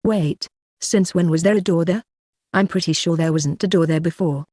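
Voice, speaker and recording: A reader doing a deadpan young sorcerer lad. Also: mid-range voice, normal speed, dry recording, studio quality, natural voice. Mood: wry. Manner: wry, deadpan. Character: sarcastic young male sorcerer son, deadpan.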